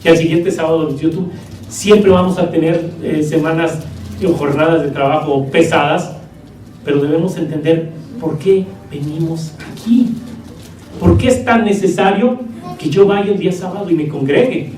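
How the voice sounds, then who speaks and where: A man's voice: fairly high pitch, normal speed, darkish tone, reverberant, distant mic, rough recording. A man preaching a sermon to a congregation in a church, teaching in a conversational way and often checking in with his listeners. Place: church hall.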